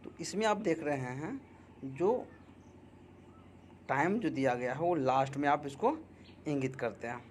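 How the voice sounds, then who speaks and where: A male teacher giving an English grammar lesson, dictating example sentences slowly and deliberately. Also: on the high side, animated, slight background noise. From India.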